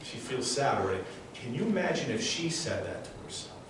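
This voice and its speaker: A man's voice: medium pitch, sing-song, fairly quick. A man works a live audience as an intense mind reader. He speaks emphatically, circling back on phrases and issuing short commands. His voice comes from some distance in a very reverberant room, with a faint layer of noise. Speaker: mind reader and stage performer. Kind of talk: live stage show, motivational talk with audience demonstration. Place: large echoey room before a live audience.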